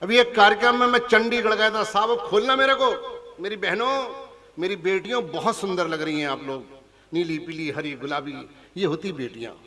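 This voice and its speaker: A man's voice: high voice, normal speed, sharp tone, in a large hall. A man from Punjab performing stage comedy at a poetry gathering, teasing the audience in a chatty way. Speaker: stand-up comic poet. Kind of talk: hasya kavi sammelan stage comedy.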